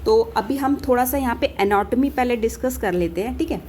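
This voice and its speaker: A woman from India teaching a casual lecture, talking quickly and checking in with her students after almost every point. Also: fairly high pitch, darkish tone, slight background noise. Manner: talks fast, with a rhythm that speeds up as she teaches; keeps asking and answering her own questions, peppered with "theek hai" checks. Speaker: pharmacy tutor.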